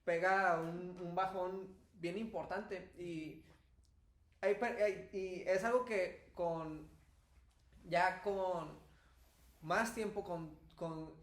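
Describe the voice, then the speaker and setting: Mujer de voz grave en sala con eco. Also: female voice, on the low side, fairly even intonation, drawn-out words. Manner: reflective, encouraging, with restarts. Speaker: youth group co-host. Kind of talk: faith discussion chat. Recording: echoey room.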